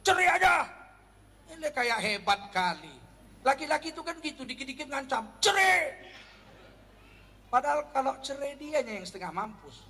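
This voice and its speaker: High-voiced, animated male preacher. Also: fairly quick, big-room sound. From North Sumatra, Indonesia. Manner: animated, acts out quarrels in a raised voice. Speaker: Islamic preacher. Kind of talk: humorous religious lecture.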